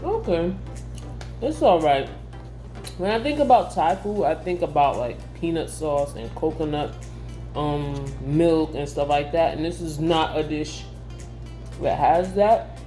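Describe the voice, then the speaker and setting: A woman's voice: deep voice, unhurried, dark tone, faint music behind. A woman vlogger chatting casually to the camera in a conversational way, often peppering her sentences with filler "like". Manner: conversational, frequently saying "like".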